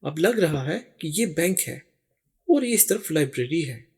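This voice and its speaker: Slow, husky-voiced male English teacher. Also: fairly high pitch, big pitch swings, a little mellow. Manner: slow, deliberate, explains step by step and repeats English words. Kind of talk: spoken language lesson over picture slides.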